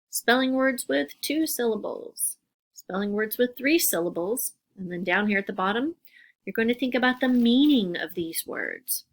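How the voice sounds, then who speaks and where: A woman teacher giving a recorded phonics lesson to young children, upbeat and clearly enunciated. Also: medium pitch.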